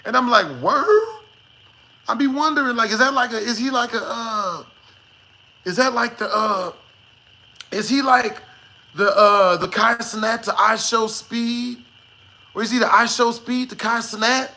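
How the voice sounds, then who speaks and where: A man's voice: very high-pitched, measured pace, long pauses, bright, forceful tone. A man live-streaming, chatting casually with his viewers in a joking, slangy way and swearing freely. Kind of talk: casual livestream chat with viewers.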